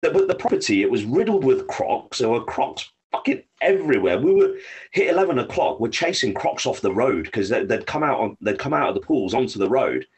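A man's voice: mid-range voice, lively intonation, brisk, darkish tone, slightly rough. A man with an English accent, a podcast guest telling rambling stories and swearing freely. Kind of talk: casual storytelling.

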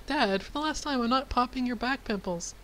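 A woman doing a deadpan teenage daughter. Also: fairly quick, slight background noise, lightly acted. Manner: dry, deadpan, low-key delivery.

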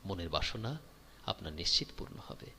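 A man giving devotional instruction, guiding listeners through worship and chanting mantras in slow, drawn-out tones. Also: sits low, big pitch swings, creaky, bright, forceful tone, slight background noise. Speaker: religious teacher. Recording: long hall reverb.

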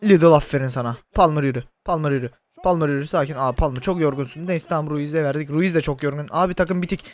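A man commentating his own football management game, chatting casually and shouting at his players as the match heats up. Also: a little high, fast, hardly any pauses. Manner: shouts encouragement at players, rising to yells; says "abi" constantly in casual chat. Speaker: gaming YouTuber. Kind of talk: excited gameplay commentary.

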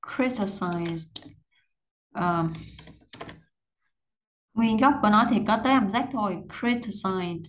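A woman teaches English pronunciation in a mid-pitched voice. She reads sentences aloud and then breaks words down syllable by syllable, repeating each one slowly and carefully. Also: a little hiss or hum, rough recording. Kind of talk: language lesson, reading and breaking down English sentences.

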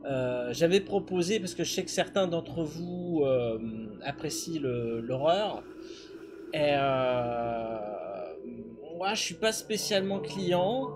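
Man, middle-aged, high-pitched, casual game streamer, rambling, self-deprecating, music behind. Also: expressive, takes it slowly. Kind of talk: casual live-stream chat. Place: indoor home streaming setup.

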